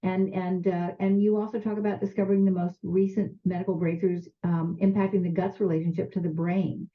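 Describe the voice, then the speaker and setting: A woman speaking as a public radio host in an informal, unscripted interview, conversational with halting, hesitant phrasing. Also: fairly low pitch, flat delivery. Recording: muffled, narrow phone-like radio sound.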